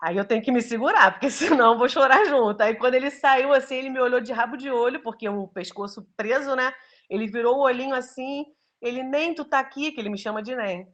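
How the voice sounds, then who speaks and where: A woman's voice: fairly high pitch, fast talker, fairly bright tone, muffled recording. A woman giving an earnest, emotional personal testimony, telling her story with many fillers. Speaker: testimony giver.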